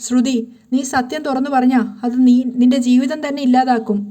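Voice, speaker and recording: A woman's voice: high-pitched, fairly even intonation, fairly quick, mellow, lightly acted. A woman reading a scolding, level-headed friend. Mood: urging. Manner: scolding, advising.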